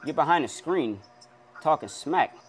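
Trolling random video-chat strangers from a small pink-walled bedroom, a young man plays mock-tough, teasing and bragging like a gym bro. His voice is on the high side and animated, a little slow, with crowd noise audible.

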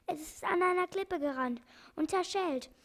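Lady putting on a squawky high panicky parrot, storybook critter yelling out. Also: moderate pace. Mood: alarmed. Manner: shrieking, alarmed. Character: shrill panicking ship's parrot.

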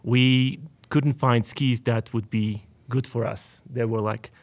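Polish-accented guy on a panel, slow and halting, lots of ums and likes. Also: medium pitch, steady tone. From Poland. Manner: halting, searching for words, with many fillers. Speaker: panel guest, ski maker. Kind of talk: panel talk. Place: stage before a live audience.

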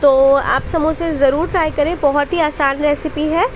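A woman's voice: sits high, fairly even intonation, moderate pace, a little hiss or hum, low-quality recording. A woman hosting a cooking channel, narrating a recipe step by step in a voice-over with friendly tips for viewers.

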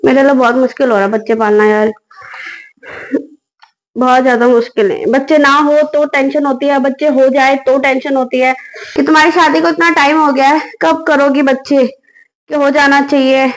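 A young mother with a high, light voice vlogs at home late at night. She is hungry and worn out and talks to the camera in a weary, frustrated way, recorded on a phone on a tripod. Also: fairly even intonation, normal speed, poor audio. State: hungry and tired. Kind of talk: casual home vlog. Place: home bedroom and kitchen at night.

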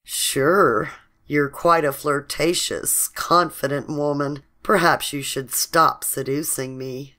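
Smug, teasing young billionaire in an audiobook, read by a woman, low and unhurried. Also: pushed and bright, full character voice.

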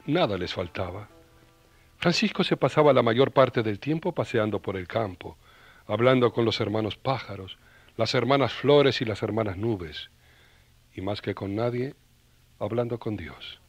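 An actor narrating a religious radio serial in a folksy, old-style storytelling manner. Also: male voice, mid-range voice, expressive, normal speed, husky, dry recording, faint music behind.

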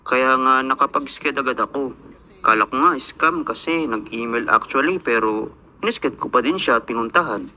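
A man's voice: medium pitch, normal speed, background noise. A young Filipino man, an overseas worker, telling his life story in a reflective, earnest voice-over. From Philippines.

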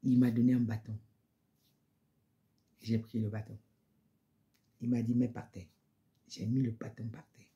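A woman's voice: extremely low pitch, little pitch movement, measured pace, pauses often, mellow, highs cut off. A woman giving an emotional spoken testimony in church, repeating phrases and sometimes dropping to a near-whisper.

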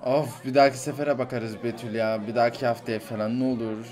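A man's voice: mid-range voice, steady tone, fast, darkish tone, some chatter behind, voice pushed down, natural voice. A man doing a weary pregnant mother in a toy story. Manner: weary, sighing, put-upon. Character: tired, heavily pregnant young mother. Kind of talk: toy figure play-acting.

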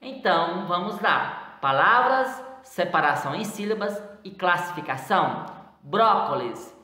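A woman from Brazil teaching a primary school class in a recorded video lesson, explaining step by step and stretching out example words slowly, often saying them twice. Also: fairly low pitch, lively intonation, sharp tone. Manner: explains step by step, checks in with "né?" and "então". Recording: echoey room.

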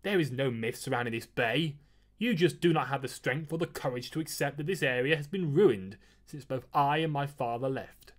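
A man voicing a mysterious, smirking young gentleman of about twenty-two, formal and mocking, with a raspy voice. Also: mid-range voice, normal speed, natural voice. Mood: scornful.

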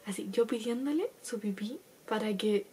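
A woman's voice: fairly high pitch, moderate pace, dark tone, husky. A fifteen-year-old girl with a Chilean accent, telling a personal story to camera in a casual, chatty way with lots of laughs. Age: teenager, 15. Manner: chatty, laughs often, acts out quotes. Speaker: vlogger.

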